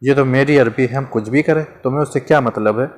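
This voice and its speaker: A man with a mid-range voice teaches a Hindi grammar lesson fast and casually. Chatty and conversational, he repeats examples and asks questions only to answer them himself.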